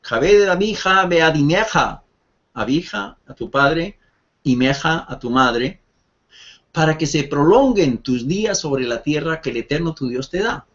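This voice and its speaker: Slow, patient Torah teacher, man. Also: a little high, lively intonation, lo-fi sound. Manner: explains slowly, reads Hebrew verses then translates, repeats words. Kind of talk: online Torah class.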